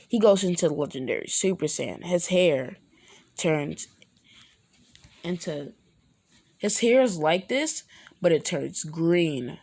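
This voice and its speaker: A woman's voice: fairly low pitch, a little mellow. A woman casually telling an improvised fan story, rambling, hesitant and correcting herself often.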